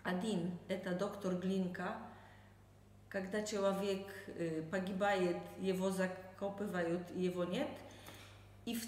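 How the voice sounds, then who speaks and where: A woman with a Polish accent gives interview answers in halting, non-native Russian. Her pace is very slow, with gaps while she searches for words. The room is heavily echoey, with a long reverb tail around her voice. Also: medium pitch, level tone, a little mellow. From Poland. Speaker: interview guest, translator and health consultant.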